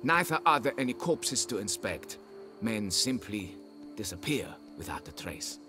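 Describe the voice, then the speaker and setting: A man's voice: fairly low pitch, big pitch swings, a little slow, over music. A pompous snobbish nobleman. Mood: grudging. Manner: haughty, condescending, fussy about his title. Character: pompous snobbish middle-aged male nobleman, vineyard owner. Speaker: client hiring a witcher.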